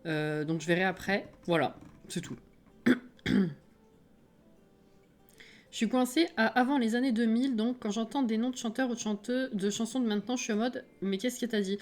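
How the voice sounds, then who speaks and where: A woman with a French accent, streaming live and chatting casually with her viewers, self-mocking and quick to laugh. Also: a little high, soft background music.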